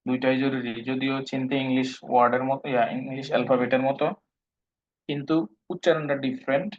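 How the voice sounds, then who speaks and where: A man teaching a live online language class, patiently explaining pronunciation step by step and mixing in English words. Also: medium pitch. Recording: dull lo-fi online call audio.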